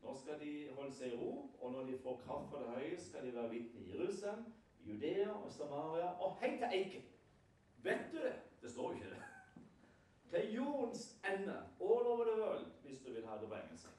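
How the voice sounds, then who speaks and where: A man's voice: medium pitch, very animated, darkish tone, a little hiss or hum. A man giving a sermon at a prayer house, retelling scripture as a story and often asking his listeners rhetorical questions. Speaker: lay preacher. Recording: very echoey hall, far from the mic.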